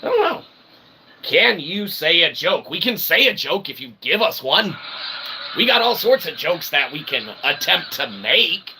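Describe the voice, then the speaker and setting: A man with a fairly high, sing-song voice hosts an improvised livestream at a measured pace, with background noise behind him. He rambles to viewers in wordy, mock-formal, roundabout phrasing, often tagging sentences with "okay" and "right" and adding theatrical, playful asides.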